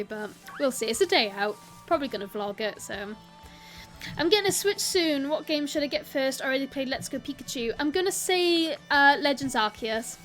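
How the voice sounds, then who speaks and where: Streaming a game with soft music in the background, a young South Welsh woman talks in a bright, high voice. She's chatty and giggly, drifting between topics in rambling asides, laughing often and welcoming viewers by name in this casual live-stream chat.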